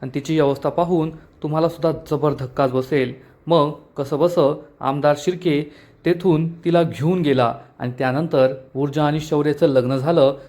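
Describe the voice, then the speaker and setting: A man rushes through a dramatic recap of a TV serial episode. He tells it in an animated storytelling manner, with a fairly high voice. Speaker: TV serial reviewer.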